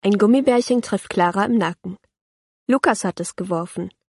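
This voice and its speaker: A woman, reading a children's audiobook aloud in a calm, clear storytelling voice. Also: mid-range voice, moderate pace. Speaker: narrator.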